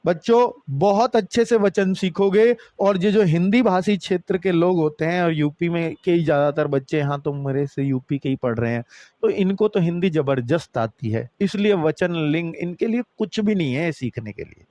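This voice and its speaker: A man teaching a grammar lesson. He talks to his students as kids and keeps swinging between emphatic high phrases and low, drawn-out ones. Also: dark tone, dry recording. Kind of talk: online exam-prep grammar lesson.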